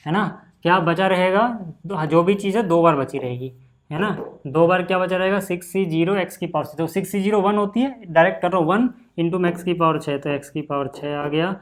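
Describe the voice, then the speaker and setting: Casual Hindi-speaking maths teacher. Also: male voice, on the high side. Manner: casual, repeats "ठीक है" and "भाई" often. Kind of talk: screen-recorded maths lesson.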